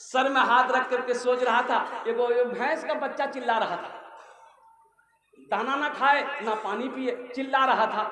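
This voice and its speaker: A man preaching a humorous sermon with a Kolkata Urdu-Hindi accent, telling funny stories in lively character voices as the crowd laughs. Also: extremely high pitch, moderate pace. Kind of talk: humorous Islamic sermon with sung refrains. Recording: echoey hall with long reverb.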